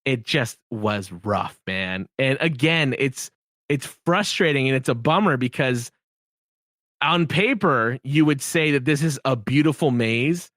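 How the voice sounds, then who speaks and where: A man's voice: medium pitch, unhurried, a bit bright, no room sound, clean studio sound. A young man as a podcast guest, chatting animatedly and emphatically, laughing often. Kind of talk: casual podcast chat.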